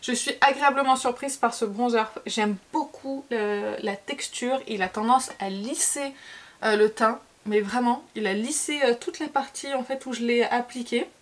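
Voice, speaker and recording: A woman's voice: on the high side, normal speed. A woman from France chatting casually through a makeup tutorial, with frequent fillers and repeated words. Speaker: beauty vlogger.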